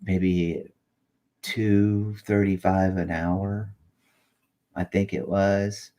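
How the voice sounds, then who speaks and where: A man in his late fifties with a very deep voice talks in casual, rambling chat. He swears freely as he goes. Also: level tone, very slow, mellow. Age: late 50s. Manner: rambling, profane.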